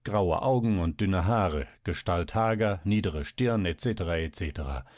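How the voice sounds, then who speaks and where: Ein Mann spricht einen mürrischen, ungeduldigen älteren Doktor in einem Hörbuch, mit tiefer, brummender Stimme. Trocken und nah aufgenommen. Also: male voice, low-pitched, normal speed, darkish tone, dry recording, lightly acted. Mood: grumbling. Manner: grumbling, impatient. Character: gruff, irritable older male doctor.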